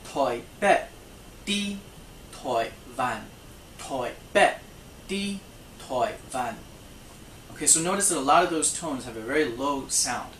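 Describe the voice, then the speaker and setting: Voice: medium pitch, a bit bright, distant mic, slight background noise. Teacher drilling phrases in an echoey room. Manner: repeats phrases slowly for drilling, corrects themself mid-sentence. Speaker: language teacher. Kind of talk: recorded language lesson.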